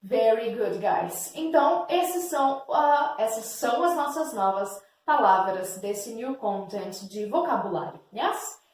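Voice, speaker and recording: A woman whose first language is Portuguese teaching an English lesson, slow and patient, checking in with "yes?" and "ok?" again and again. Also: on the high side, expressive, a little mellow. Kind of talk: recorded online lesson. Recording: echoey room, distant mic.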